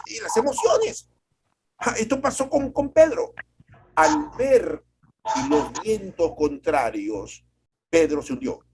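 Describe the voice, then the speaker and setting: A male pastor preaching an emphatic sermon on a video call, with dramatic pauses and sudden jumps in pitch.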